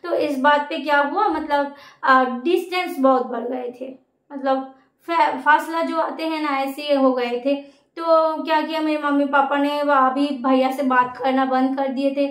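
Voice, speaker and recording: A woman vlogger telling a family story in a casual, rambling way, with many pauses and restarts. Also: sits high, fairly even intonation, fairly bright tone. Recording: echoey room.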